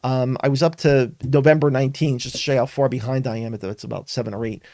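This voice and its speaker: A man hosts a weekly live-streamed tech webinar, speaking earnestly and emphatically, often restarting sentences and using fillers. His voice is medium in pitch and a little mellow, with fairly even intonation and a fast pace.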